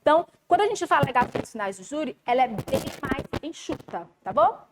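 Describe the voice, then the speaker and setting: A woman's voice: high-pitched, big pitch swings, brisk, very noisy. A woman with a Brazilian Portuguese accent, teaching law in a live class, chatty and addressing students directly.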